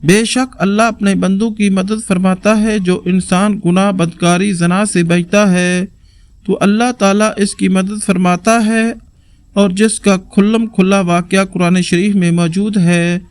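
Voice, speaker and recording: A man's voice: high voice, little pitch movement, clean tone. A man narrating a moral history tale in an earnest, preaching way, speaking directly to his viewers.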